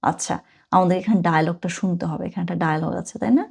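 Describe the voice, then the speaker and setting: A woman from Bangladesh, teaching German in a casual online lesson, sounding chatty and reading example phrases slowly and carefully. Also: on the low side, creaky, darkish tone, breathy edge.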